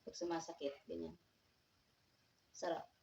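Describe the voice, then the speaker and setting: A woman's voice: lowish voice, flat delivery, a little slow, gravelly, mellow, slight background noise. Chatty woman talking to her cat at home, laughs a lot, roomy echo, sounds a bit far from the mic. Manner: playful, talks baby-talk to her cat, laughs often. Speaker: vlogger. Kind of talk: casual vlog chat with her cat. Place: indoors at home, in a bedroom.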